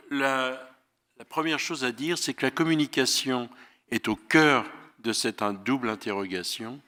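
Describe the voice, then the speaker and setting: A man's voice: medium pitch, pushed and bright. Man lecturing in a hall. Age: older. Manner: thoughtful, hesitant with frequent fillers, wry humor. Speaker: guest lecturer. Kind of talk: public lecture, paraphrased from notes. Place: auditorium. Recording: reverberant auditorium.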